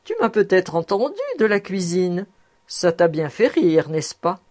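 A woman's voice: lowish voice, expressive, unhurried, a little mellow. A woman voicing a cheerful, boastful grown man who loves showing off his music. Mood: jovial.

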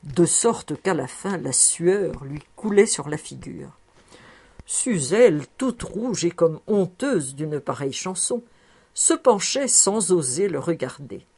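A woman narrating a classic novel aloud in a measured, expressive way. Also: fairly low pitch, slightly rough. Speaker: audiobook reader.

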